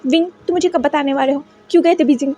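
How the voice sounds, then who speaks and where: A woman's voice: sits high, quick pace, warm tone, a little hiss or hum, pitched below the performer's own voice, close to an everyday voice. A woman voicing a strict middle-aged mother who questions in a stern, clipped way.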